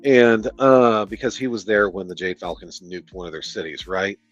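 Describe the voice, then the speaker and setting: Speaking at normal speed with a low-leaning, fairly even voice, a man from the Detroit area gives a laid-back, sarcastic book review on his stream. He has a Midwestern American accent and swears and laughs throughout. The sound is lo-fi, with soft music underneath.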